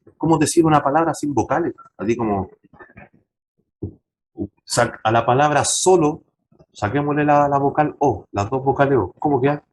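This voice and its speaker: A man's voice: mid-range voice, normal speed, pauses often, low-quality recording. A man pastor teaching a Bible class to his congregation, emphatic, turning to them with direct questions. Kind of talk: church Bible lesson.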